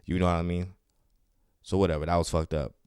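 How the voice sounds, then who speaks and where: A man with a low voice tells a rambling story. He is casual and profane, and he acts out the people in it. His voice is smooth and clear, recorded dry and close to the mic. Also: level tone, fast talker, a little mellow, no echo. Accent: New York. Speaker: podcast host and comedian. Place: studio.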